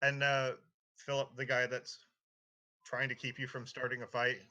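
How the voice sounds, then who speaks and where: Bright-voiced man running a tabletop game. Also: medium pitch, monotone, dull audio. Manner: loose, filler-heavy narration with quick character voices. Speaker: dungeon master.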